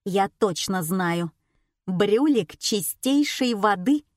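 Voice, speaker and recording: A woman voicing a shrill, excitable, greedy woman tourist in an audiobook. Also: slow pace, no room sound, clean studio sound. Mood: greedy excited.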